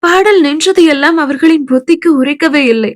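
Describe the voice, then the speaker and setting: High-voiced lady reading a romance audiobook, calm and even, dry close sound. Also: brisk, dry recording. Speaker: audiobook narrator. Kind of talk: scripted narration.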